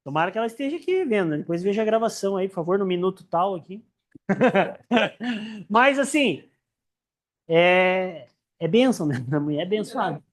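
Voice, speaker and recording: A man with a Brazilian accent teaching a church Sunday school class, joking and acting out Bible characters. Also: high voice. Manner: animated, joking, acts out Bible characters in quick voices.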